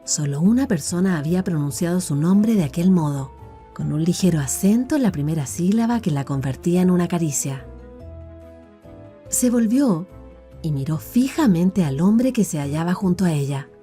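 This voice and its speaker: Mellow Latin American Spanish woman narrating. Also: lowish voice, lively intonation, moderate pace, faint music behind. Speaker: audiobook narrator. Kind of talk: audiobook narration.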